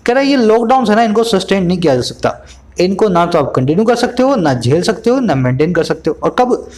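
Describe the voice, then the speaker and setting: A man with a high voice teaching English from the newspaper. He has an Indian accent. He reads the English sentences slowly, then explains the vocabulary with lists of synonyms and quick questions to the learner. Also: big pitch swings, darkish tone. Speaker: English tutor.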